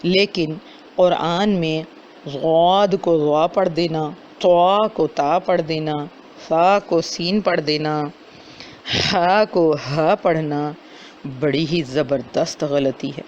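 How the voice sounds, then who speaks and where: A man giving a lesson on correct recitation, stopping to sound out words slowly as examples. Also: on the high side. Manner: slows down to demonstrate correct pronunciation. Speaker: Quran recitation teacher. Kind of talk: explanatory lesson with demonstrated recitation. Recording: dull lo-fi recording with faint noise.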